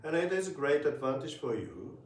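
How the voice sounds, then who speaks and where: A man teaching Japanese in a casual spoken lesson, talking slowly and hesitantly with many fillers. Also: fairly high pitch, very animated. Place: room in Tokyo. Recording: roomy, from a distance.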